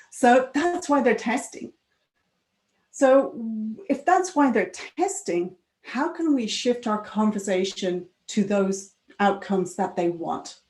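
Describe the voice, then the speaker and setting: In a reverberant space, a woman with a medium-pitched, slightly mellow voice gives a conference presentation. Her style is conversational, with frequent tag questions and occasional laughter.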